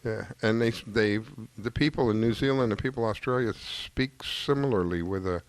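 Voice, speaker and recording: A man's voice: fairly low pitch, moderate pace, no room sound. A man hosting a talk radio fishing show, chatting casually and reacting with frequent enthusiastic exclamations.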